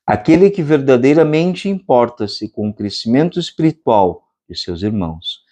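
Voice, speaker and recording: Brazilian guy teaching meditation, slow and measured, voice goes up and down a lot, chants long vowels. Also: medium pitch, darkish tone. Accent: Brazilian Portuguese. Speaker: meditation instructor. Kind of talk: spiritual lecture.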